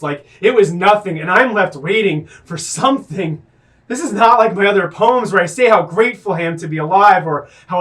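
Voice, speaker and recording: A man's voice: high voice, fairly bright tone, recorded from a distance. A man performing his own spoken word poetry live, with an earnest, confessional delivery.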